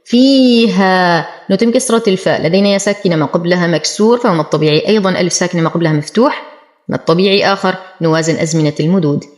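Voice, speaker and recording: A woman teaching Quran recitation, explaining the rules of each word and then reciting it slowly and deliberately. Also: fairly low pitch, darkish tone. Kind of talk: tajweed lesson with slow recited examples.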